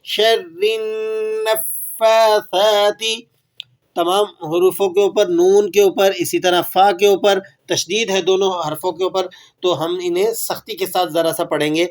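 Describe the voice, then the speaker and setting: A man's voice: high-pitched, level tone, a little mellow. A man teaching Quran recitation rules in a patient lesson, asking questions and then answering them, and repeating phrases for learners to echo. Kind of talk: tajweed lesson.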